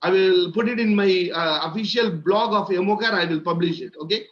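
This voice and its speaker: Male session leader, Indian accent, high voice, encouraging and repetitive, on a muffled call. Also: fairly quick, a bit bright. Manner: encouraging, repeats phrases. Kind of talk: interactive online teaching. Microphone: video call. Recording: muffled online call audio, faint noise.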